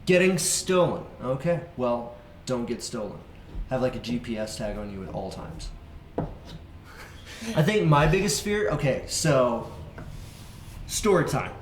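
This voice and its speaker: A man hosting a children's faith show, chatting playfully with a young co-host and telling stories in an animated way. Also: mid-range voice, measured pace, long pauses, roomy sound, a little hiss or hum. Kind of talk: casual chat with a young co-host.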